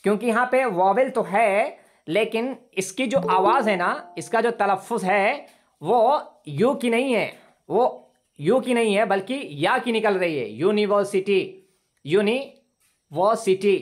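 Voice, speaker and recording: Over a video call, a male English teacher with a high, animated voice walks students through grammar rules with patience. Speaking into his computer mic, he repeats words slowly so they can follow.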